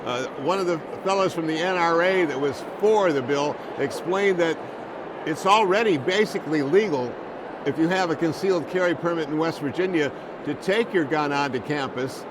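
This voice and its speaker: A male reporter with a higher-pitched voice talks through the news without a script. He is measured and a little halting, with clear noise around him in a public building. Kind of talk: unscripted news discussion. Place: noisy capitol building. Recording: noisy hall, loud waterfall-like din.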